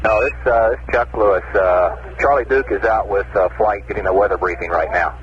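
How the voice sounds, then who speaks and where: A man speaking over a mission radio link, a little low in pitch, pausing with "uh" between his phrases. The radio makes his voice muffled, and heavy static hisses under every word. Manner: halting, many "uh" fillers. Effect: air-ground radio link with static. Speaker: assistant flight director on the capsule radio. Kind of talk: mission control radio exchange.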